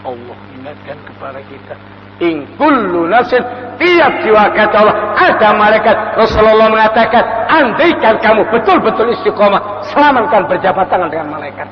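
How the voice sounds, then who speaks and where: A man's voice: sits high, lively intonation, fairly quick. An older man preaching a dawn sermon, telling stories and acting out the voices in them. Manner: storytelling, acts out quoted voices. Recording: lo-fi recording in a reverberant hall with faint noise.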